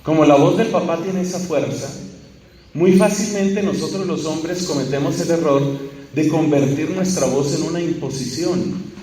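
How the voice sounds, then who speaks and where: A man's voice: fairly high pitch, normal speed, warm tone. A man preaching a live sermon to a congregation, emphatic and repetitive, asking rhetorical questions. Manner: emphatic, repeats key phrases, asks rhetorical questions. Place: large hall or church with an audience. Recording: echoey hall, speaker far from mic, faint hum.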